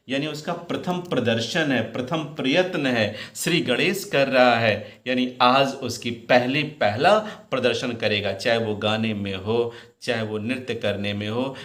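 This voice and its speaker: A man teaching English pronunciation in Hindi, slowly repeating each word and quizzing his students. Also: medium pitch, fairly bright tone. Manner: addresses students as "beta", repeats words slowly, asks questions. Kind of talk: pronunciation lesson. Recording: roomy echo.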